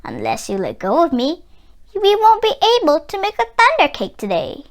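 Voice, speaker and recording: A woman voicing a brisk, reassuring old farm grandmother in a storybook, with a folksy, coaxing way of talking. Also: high voice, wildly swooping pitch, pitched above the performer's own voice. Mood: coaxing, instructive.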